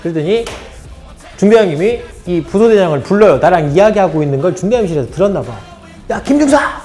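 A man's voice: high voice, fast, soft background music. A man, a former army officer, telling a story from his service and acting out what others said. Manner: animated, acts out dialogue of others.

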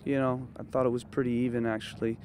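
Coach talking after a night match. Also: male voice, medium pitch, level tone, a little mellow, a little hiss or hum. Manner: thoughtful, measured, frequent fillers. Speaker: head coach. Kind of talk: postgame interview. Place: outdoors at a training field at night. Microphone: handheld interview mic held close.

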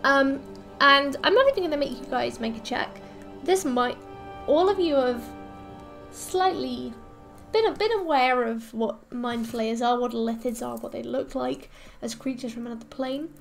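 A woman's voice: sits high, a little slow, vocal fry, a bit bright, soft background music. A woman narrating a tabletop game as dungeon master in an upbeat way, often laughing.

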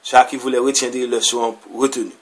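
A man preaching as a pastor, reading verses aloud and explaining them in loose, halting phrases. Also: mid-range voice, level tone. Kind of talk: sermon reading and explaining scripture.

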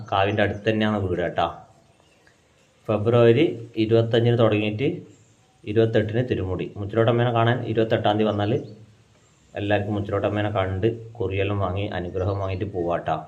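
A young man with a North Malabar Malayalam accent, chatting casually to viewers in a family vlog at home and explaining things as he goes. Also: lowish voice. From Kannur, Kerala. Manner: chatty, explains things to viewers, calls out loudly to his grandmother. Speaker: family vlogger. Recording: dull lo-fi sound.

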